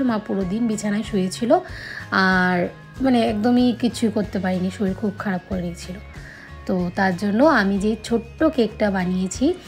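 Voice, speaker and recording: A woman's voice: mid-range voice, a little mellow. A young woman talking casually to the camera at home, chatting to her viewers as a vlogger. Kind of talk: casual vlog chat to camera. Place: home indoors.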